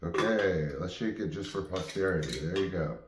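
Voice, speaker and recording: Heavy background noise and a roomy sound surround this low-voiced man as he hosts his game show. Speaking at normal speed, he tells improvised stories to viewers in a loose, rambling way, frequently stopping and starting over.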